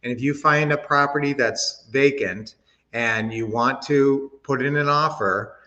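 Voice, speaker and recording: A man's voice: mid-range voice, unhurried, pushed and bright. Guy from minnesota doing a chatty livestream, lots of uhs and restarts, kinda muffled audio. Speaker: real estate investing livestream host. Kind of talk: casual livestream teaching, reading chat comments.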